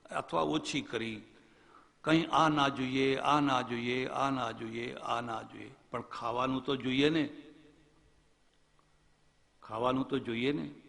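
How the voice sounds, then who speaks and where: A man's voice: mid-range voice, gravelly, a bit bright, long reverb tail. A man, a swami, giving a religious discourse as a storytelling preacher who asks rhetorical questions.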